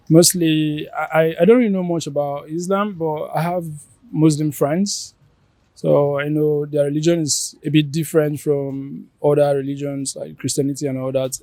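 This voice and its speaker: A man's voice: on the high side, dark tone, no echo. A man answering interview questions casually, in a hesitant way. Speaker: street interviewee. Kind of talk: casual chat.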